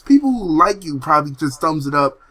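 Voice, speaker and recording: A young man with a slightly high voice, co-hosting a casual podcast. He talks laid-back and hesitant, padding his points with fillers. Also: sing-song, a little fast, bright, forceful tone. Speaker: podcast co-host.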